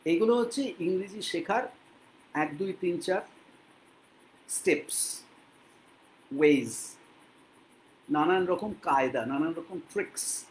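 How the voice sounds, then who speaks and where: High-voiced Bengali man teaching English. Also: poor audio. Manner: patient, repeats words slowly for learners to copy. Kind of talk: spoken English lesson in Bengali.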